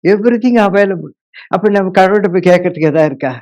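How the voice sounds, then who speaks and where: A male pastor preaching a sermon, acting out his congregation's complaints in a lively way. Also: sits high, moderate pace.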